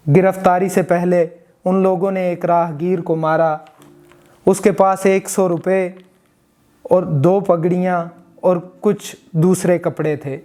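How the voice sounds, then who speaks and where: A man narrating a historical story in measured, formal literary Urdu. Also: sits high, darkish tone. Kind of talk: scripted narration of a true crime history.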